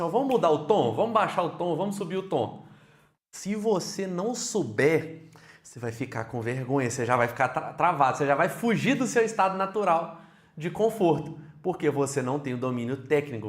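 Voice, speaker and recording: A man with a Brazilian Portuguese accent teaches keyboard online in a high-pitched voice with a roomy sound. He's lively, speaks straight to the viewer, and asks lots of questions.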